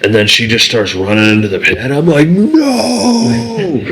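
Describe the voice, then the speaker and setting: A middle-aged man hosting a casual podcast, telling stories loudly and excitably and swearing freely. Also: lowish voice, fairly quick, crowd noise, low-quality recording. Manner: loud, excitable storyteller who swears a lot. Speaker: podcast host.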